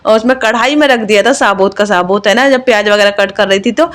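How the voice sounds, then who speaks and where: A woman's voice: medium pitch, brisk, fairly bright tone. Chatty woman narrating her home vlog. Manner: chatty, confiding, many fillers. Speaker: vlogger, mother. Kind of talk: casual voice-over vlog narration.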